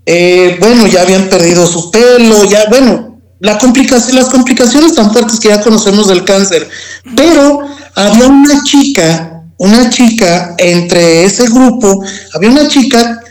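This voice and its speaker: A Mexican man with an extremely high, slightly mellow voice recounts a personal testimony as an interview guest. He goes slowly and haltingly, repeating words before continuing, on a low-quality recording.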